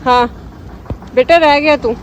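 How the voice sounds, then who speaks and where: A young woman with a fairly high voice chats her way through a street vlog, filmed on a handheld phone. She cooes to the street dogs. Faint street noise sits behind her. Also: slow. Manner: chatty, cooing to street dogs. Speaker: vlogger. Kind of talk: casual vlog chat. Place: outdoors on a city street.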